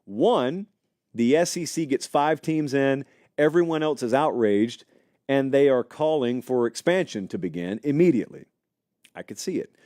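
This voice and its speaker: In studio-quality audio with no echo, a man with a medium-pitched voice hosts a live college football show at a moderate pace. He's conversational and animated, thinking out loud with speculation and responding directly to the live chat.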